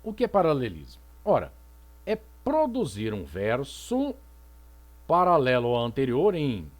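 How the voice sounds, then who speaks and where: With huge pitch swings around a medium register, a male literature teacher delivers a recorded, didactic lecture. He poses rhetorical questions and answers them himself, and reads poetry aloud at a slow pace.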